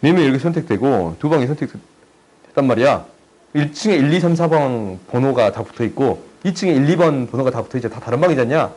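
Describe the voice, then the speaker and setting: Young male tutor, husky voice, chatty and teasing, casual math lesson. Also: medium pitch, animated, fast talker, darkish tone, rough recording. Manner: chatty, teasing, asks students for agreement.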